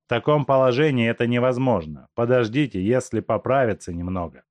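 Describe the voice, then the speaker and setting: A stern asylum director, voiced by a male reader, speaking firmly and curtly in a storybook reading. His delivery stays animated, with a dry, close sound. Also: mid-range voice, brisk, dry recording, pitched above the performer's own voice, lightly acted. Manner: firm, curt, authoritative. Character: stern asylum director, middle-aged doctor.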